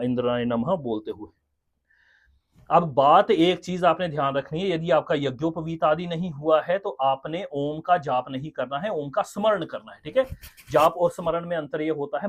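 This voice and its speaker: A man teaching a home ritual step by step on camera, patient and explanatory, often checking in with the listener. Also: a little high. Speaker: spiritual teacher. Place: indoors, seated on a floor mat at a ritual setup. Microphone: camera in front.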